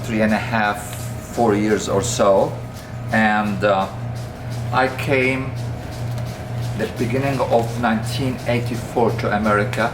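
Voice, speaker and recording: A man in his sixties, from Palestine and raised in Kuwait, telling his life story as a shop owner in a measured, earnest way with many pauses and hesitations. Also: fairly low pitch, fairly even intonation. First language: Arabic. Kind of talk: documentary interview, life story. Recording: roomy shop, mic at a distance, music behind.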